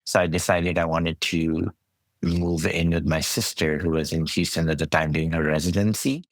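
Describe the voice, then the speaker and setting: Middle-aged male guest, very low pitch, dry recording, easygoing and chatty. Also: normal speed, dry recording. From Saudi Arabia. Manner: relaxed storytelling, frequent restarts. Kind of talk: conversational interview.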